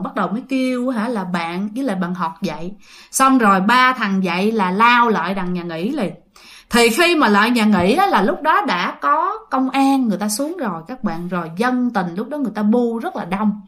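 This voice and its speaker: A woman with a Southern Vietnamese accent narrates a ghost story casually. Her voice sits high, and she talks in a loose, chatty way full of fillers, turning often to her listeners. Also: a bit bright.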